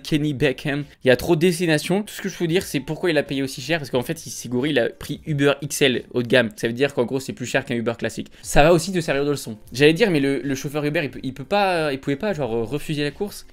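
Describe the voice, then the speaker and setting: A man's voice: on the high side, fast talker, few pauses. Joking young man reacting to videos. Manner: joking, laughing, exaggerated. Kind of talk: casual reaction commentary.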